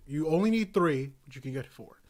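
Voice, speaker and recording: Speaking in a slightly high, expressive, brisk voice, a young podcast co-host keeps things casual and rambling, full of fillers. Now and then he slips into silly voices, acting out characters from games.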